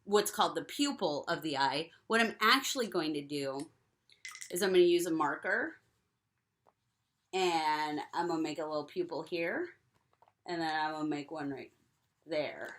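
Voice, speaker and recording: A woman's voice: low voice, normal speed, long pauses, a bit bright. A young woman giving cheerful step-by-step craft instructions to children. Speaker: teacher.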